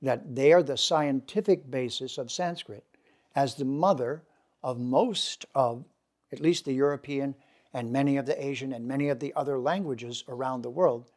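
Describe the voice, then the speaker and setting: Male lecturer, mid-pitched, emphatic teaching voice, poses questions and answers them. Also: darkish tone. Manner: emphatic, asks questions and answers them himself, slows for key words. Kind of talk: lecture to a seminar group.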